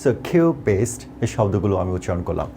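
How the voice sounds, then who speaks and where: A man with a Bangladeshi accent teaching English pronunciation, explaining slowly and repeating example words and sounds. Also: low voice, expressive, creaky, mellow, slight background noise. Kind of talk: tutorial lesson.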